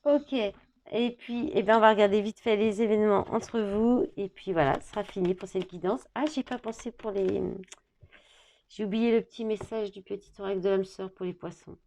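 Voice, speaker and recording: Woman doing a tarot reading, talks it thru out loud, lots of little fillers, mid pitch, faint hiss behind. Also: fairly even intonation, moderate pace. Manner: thinks out loud, reads card words, many "hein" and "bah". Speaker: tarot card reader.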